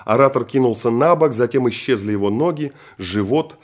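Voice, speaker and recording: A man narrating a novel in measured storytelling. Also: mid-range voice. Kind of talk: audiobook narration.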